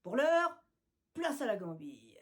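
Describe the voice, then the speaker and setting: A woman telling a scripted children's tale, her voice pitched high and lively. She swoops up and down with plenty of expression. The telling is animated from line to line. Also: unhurried. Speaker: storyteller. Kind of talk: scripted storytelling.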